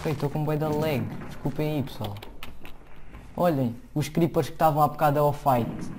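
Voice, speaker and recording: A man with a European Portuguese accent giving casual, excitable, slangy commentary to viewers while he plays a game at his computer. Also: a little high, moderate pace, noisy background. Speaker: gameplay commentator. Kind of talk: casual let's-play commentary. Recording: keyboard clicks and typing behind.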